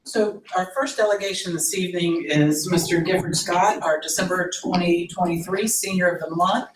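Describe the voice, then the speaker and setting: A woman's voice: fairly low pitch, fairly even intonation, moderate pace, a little hiss or hum. A woman presenting at a public meeting, making an informal announcement. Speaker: meeting presenter introducing delegations. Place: public board meeting room. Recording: echoey room, distant microphone.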